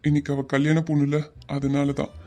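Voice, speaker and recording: A man voicing a cheerful, joking young newlywed in an animated web series. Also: fairly high pitch, brisk, close to an everyday voice. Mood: happy. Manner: joking, lighthearted.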